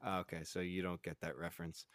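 A man's voice: deep voice, little pitch movement, fast talker, fairly bright tone, no room sound, studio quality. A man co-hosting a casual chat, rambling, stuttering and laughing as he talks. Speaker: podcast co-host. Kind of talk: casual chat reviewing a show.

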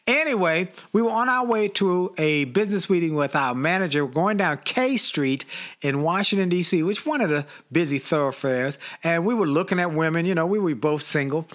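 An older man telling a story in casual chat, animated and laughing, acting out the voices in his quotes. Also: fairly high pitch, brisk.

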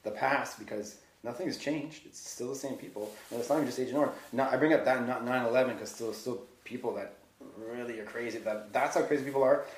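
Male podcast host, rapid heated rambling delivery, echoey room. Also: mid-range voice. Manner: fast, heated ranting with frequent swearing. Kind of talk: casual conversation. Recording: roomy echo.

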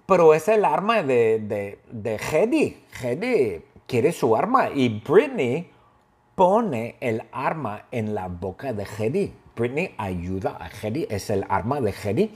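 A man telling a simple story for language learners, lively and playful, with his own sound effects. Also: medium pitch, takes it slowly. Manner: animated, makes gun sound effects. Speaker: language teacher.

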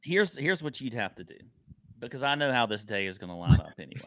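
A man's voice: mid-range voice, very animated, fast talker, a bit bright. A man co-hosting a show, talking in a casual conversational style. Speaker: co-host. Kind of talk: casual chat.

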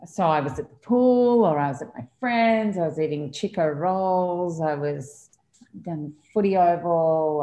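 A middle-aged Australian woman chatting as a podcast guest, animated and stumbling over restarts. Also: low voice. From Australia (Victoria). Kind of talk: casual podcast interview.

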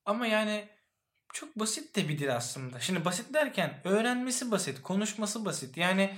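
Young male co-host, high-pitched, easygoing, rambling explanations. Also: a little fast. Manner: relaxed, explains at length with fillers. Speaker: podcast co-host. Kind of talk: casual chat.

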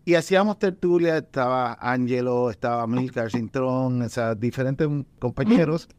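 In an easygoing chat about poetry gatherings, a poet and event organizer speaks Caribbean Spanish in a medium-pitched, slightly mellow voice at normal speed, frequently repeating words as he thinks. He grew up between Puerto Rico and the Dominican Republic, and the recording has no echo.

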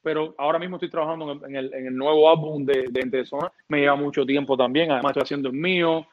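A man's voice: fairly high pitch, steady tone, very fast. Rambling man. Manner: rambling, repeats words and restarts, many fillers. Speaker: music producer. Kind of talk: casual interview talk. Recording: dull lo-fi sound.

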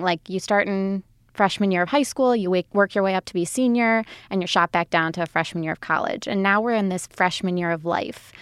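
A woman's voice: fairly low pitch, clean tone, no echo, studio quality. A woman in her twenties hosting a casual podcast chat, talking easily and laughing often. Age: 20s. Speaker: host.

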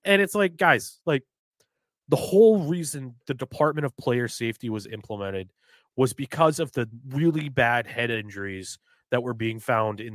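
A man from New Hampshire co-hosting a casual sports podcast, animated and quick to get heated, swearing freely. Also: medium pitch, no echo. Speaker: podcast co-host.

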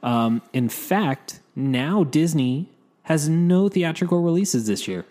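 A man's voice: fairly high pitch, animated, slow, warm tone. Echoey, upbeat man hosting a podcast. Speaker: podcast co-host. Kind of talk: casual movie news chat. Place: new home podcast studio without soundproofing. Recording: echoey untreated studio room.

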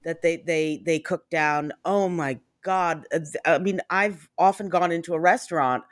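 A man's voice: on the high side, normal speed, fairly bright tone, no room sound, studio quality. A man from the United States hosting an interview, enthusiastic and full of small restarts. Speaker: podcast host. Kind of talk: conversational interview.

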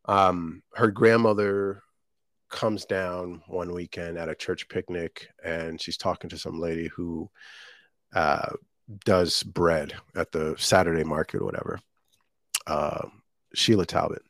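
Man, from Jamaica, very low voice, dry close sound, casual rambling storytelling, thirties. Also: flat delivery, measured pace, no room sound. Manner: rambling, many ums and restarts. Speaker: guest, shortbread business owner.

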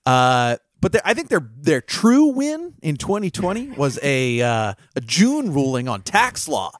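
A man hosting a podcast, explaining legal news in a casual, explanatory way with frequent filler pauses. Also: on the high side, huge pitch swings. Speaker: podcast host and legal reporter. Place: New York.

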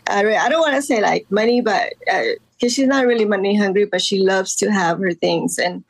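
A woman's voice: mid-range voice, brisk, creaky, dry recording. A woman from Guatemala, a guest artist talking casually in an interview, hesitant, with many fillers and restarts.

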